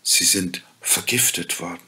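Ein Mann spricht in einer Märchenlesung eine gütige Fee, leise, langsam und sanft. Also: male voice, sits low, a little hiss or hum, heavily acted. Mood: gentle. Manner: soft, slow and quiet. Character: gentle kind fairy woman, calm and wise.

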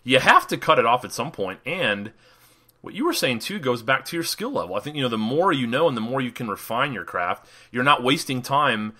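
A man's voice: mid-range voice, sing-song, fairly quick, bright, forceful tone. A male wedding photographer co-hosting a podcast, talking casually and rambling with lots of fillers and laughs.

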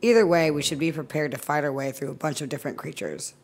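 An actress voices a tough, blunt female ship engineer in an audio drama. She talks fast in a low, gravelly voice, crude and deadpan.

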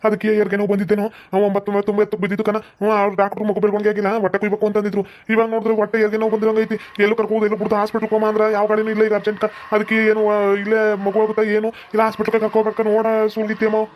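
Actor voicing a fretful cartoon village uncle, North Karnataka accent, very fast, flat delivery. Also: medium pitch, a little hiss or hum, lightly acted. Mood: fretting. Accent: North Karnataka Kannada. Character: middle-aged village man, worried uncle.

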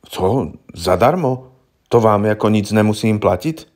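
A man's voice: fairly low pitch, lively intonation, darkish tone, lightly acted. A man voicing a simple, stubborn farmer who talks bluntly and plainly in a rustic way. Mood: indignant. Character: simple, stubborn middle-aged male farmer accused of murder.

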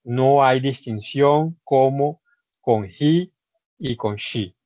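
A man's voice: medium pitch, extremely slow, dark tone, dry recording, dull audio. A man with a Colombian Spanish accent teaching an online English class. He explains grammar step by step, repeats his points and addresses the students formally.

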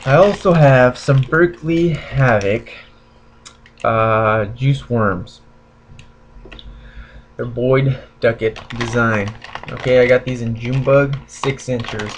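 A young fishing vlogger sits at a desk in a small bedroom, chatting casually and informally to viewers as he unboxes his new purchases. His medium-pitched voice is slow and laid-back, with frequent pauses and slight background noise.

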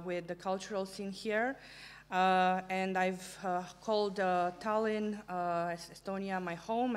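A Romanian woman, a curator, presents her book in a small indoor gallery room as a lecture, speaking into a table microphone on a stand. Her voice sits on the low side with a clean tone, and her delivery is halting and earnest, full of fillers.

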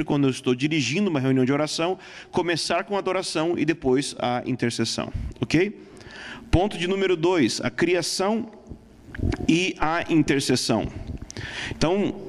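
A man with a notably high voice teaching a sermon on prayer, pressing each point home and stopping to check his listeners follow. His voice rings out with a long hall reverb behind it. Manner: emphatic, scripture-citing, checks in with the audience.

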